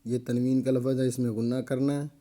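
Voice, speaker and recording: Mellow-voiced man teaching Quran reading. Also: mid-range voice, little pitch movement. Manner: spells each letter and vowel slowly, then gives quick rule explanations. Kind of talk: slow spelling-out recitation lesson.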